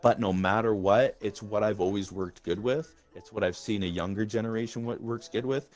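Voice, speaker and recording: A man's voice: lowish voice, moderate pace, darkish tone. A man leading a gaming group in casual voice-chat talk, rambling and swearing, restarting his words often. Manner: rambling and profane, with many restarts. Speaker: gaming community leader.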